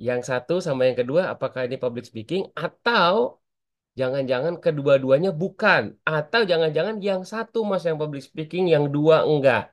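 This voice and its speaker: A man's voice: fairly high pitch, a little fast. A man teaching an online public speaking class, chatty and constantly asking his students for answers.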